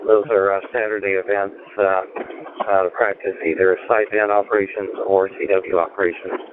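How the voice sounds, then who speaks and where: A man talking over a two-way radio as an amateur operator running a net, halting with many filler sounds and reading out call signs. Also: sits low, level tone. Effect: heard over a two-way radio. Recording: tinny radio transmission with static.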